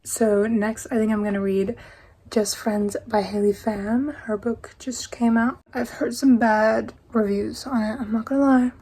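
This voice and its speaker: A woman's voice: on the high side, fairly even intonation, measured pace, warm tone, breathy edge, poor audio. A young woman chatting frankly in a casual vlog, often dropping into a half-whisper. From Australia. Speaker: vlogger.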